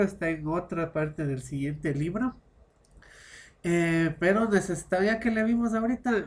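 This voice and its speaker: A man's voice: high voice, a little mellow. A man teaching French grammar as a lesson, explaining in one language and switching into French for examples, constantly checking with short tag questions. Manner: checks understanding with constant "¿ya?" and "¿no?" tags.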